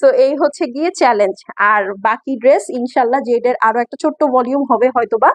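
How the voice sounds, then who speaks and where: A woman's voice: fairly high pitch, fast talker, dry recording. A woman with a Bangladeshi accent hosting a live sales stream for clothing, chatty and coaxing, slipping English phrases into her talk. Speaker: online clothing seller.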